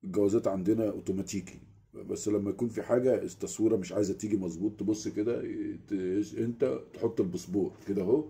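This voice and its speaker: The Egyptian-accented vlogger's fairly low voice moves fast as he rants casually through a story at home in a small room. Animated throughout, he keeps asking his listener "you get it?"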